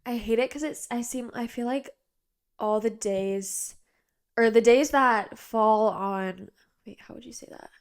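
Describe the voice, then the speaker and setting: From her bedroom, a woman in her twenties chats casually as a podcast host, using an iPad on a tripod to record. Her pitch is fairly high and her delivery unhurried. There's a nasal, congested quality to her voice, and she's tired but bubbly, leaning on many fillers.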